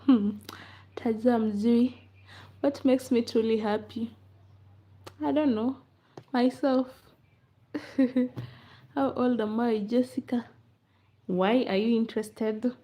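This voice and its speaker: A woman's voice: on the high side, steady tone, takes it slowly, pauses often, mellow. A woman chatting casually on a livestream, answering comments in a playful, teasing way and laughing often. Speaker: livestream host. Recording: dull lo-fi livestream audio.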